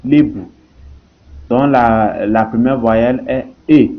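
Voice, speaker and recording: A man teaching a language lesson, who slowly repeats each example word and phrase. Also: medium pitch, steady tone, dull audio.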